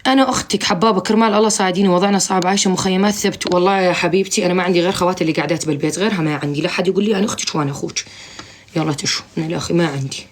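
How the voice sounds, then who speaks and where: Fast-talking woman, blunt and teasing. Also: lowish voice, a little hiss or hum. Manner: teasing, blunt, joking scolding. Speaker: live-stream host giving advice. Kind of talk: comic advice chat on a live stream. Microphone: phone live stream.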